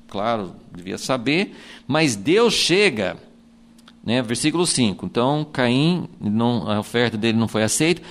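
A man with a Brazilian accent teaching from the Bible in a conversational way, animated, acting out quotes and often adding "né". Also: on the high side. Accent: Brazilian Portuguese. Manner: animated, acts out quotes, frequent "né" fillers.

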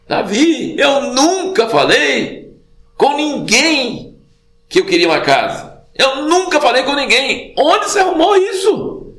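A man voicing God as a male deity who scolds in rapid, incredulous bursts, in a roomy space. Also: very animated, a bit bright, exaggerated voice. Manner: high-pitched, rapid, incredulous outbursts. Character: exasperated, scolding God, male, booming from heaven. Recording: roomy echo.

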